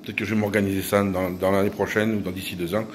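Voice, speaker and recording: A man's voice: low-pitched, flat delivery, fast, slight background noise. A man, rambling and joking in a casual vlog monologue, often restarting his sentences. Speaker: YouTuber.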